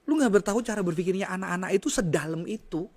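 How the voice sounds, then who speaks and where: A man's voice: high-pitched, animated, fast talker, darkish tone. A middle-aged man, a pastor, chatting casually and earnestly, slipping English words into his speech and growing emotional. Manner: earnest, preachy, grows emotional. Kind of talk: casual podcast chat.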